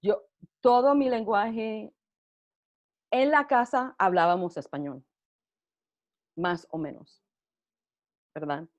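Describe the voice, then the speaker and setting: This Puerto Rican interviewee, a middle-aged woman with a Puerto Rican Spanish accent, chats about her life and laughs a lot. She talks slowly at medium pitch, leaving long pauses, on a dull lo-fi recording.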